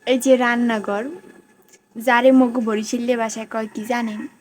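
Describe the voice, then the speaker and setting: A woman's voice: a little high, flat delivery, unhurried, darkish tone. A young woman with a Barishal Bengali accent, playfully teaching local dialect words in a casual vlog. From Barishal, Bangladesh. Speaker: vlogger. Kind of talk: casual vlog, showing around home.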